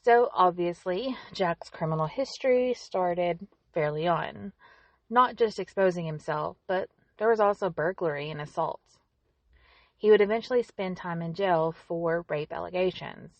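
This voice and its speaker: A woman's voice: fairly low pitch, no room sound. A woman hosting a true-crime podcast, narrating a scripted story with conversational asides to the listener.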